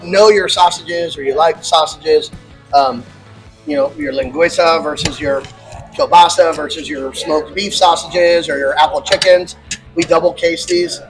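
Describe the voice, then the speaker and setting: A man's voice: a little high, unhurried, soft background music. A man who owns a barbecue restaurant, chatting casually and laughing often while eating. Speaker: restaurant owner.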